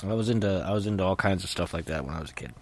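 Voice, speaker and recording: A middle-aged man hosting a casual solo podcast, rambling haltingly with his jaw held nearly shut, so his words come muffled through his teeth. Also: sits low. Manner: halting and hesitant, repeating words. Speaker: podcast host.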